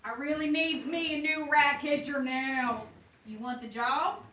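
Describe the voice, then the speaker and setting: A woman's voice: high-pitched, a little slow, bright, forceful tone. An actress playing a scrappy male street food vendor who talks in a folksy dialect, in a stage play. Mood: streetwise. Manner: folksy dialect, gruff and bargaining. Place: theater stage. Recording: echoey, distant, noisy stage recording.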